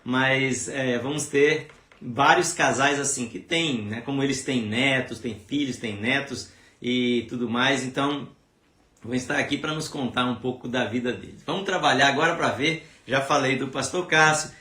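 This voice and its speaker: A man's voice: mid-range voice, normal speed, sharp tone. A Brazilian man hosts a church live stream in a loose, chatty way. He rambles, restarts his sentences and leans on fillers as he talks. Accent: Brazilian Portuguese.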